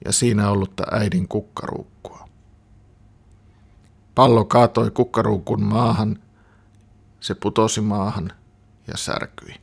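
A man calmly reading a children's story aloud. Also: fairly low pitch, creaky.

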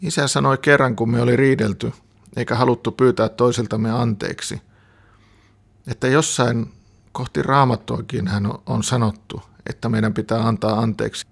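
Guy doing a little boy in a storybook, earnest and pleading, a bit gravelly and husky. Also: medium pitch, steady tone. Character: young boy, earnest and honest.

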